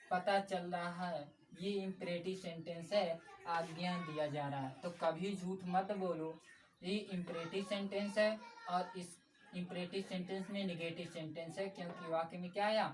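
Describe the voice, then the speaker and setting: A woman teaching a grammar lesson, patiently repeating key points and calling her viewers friends. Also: on the low side. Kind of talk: explanatory classroom lesson. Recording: slightly distant mic with faint background noise.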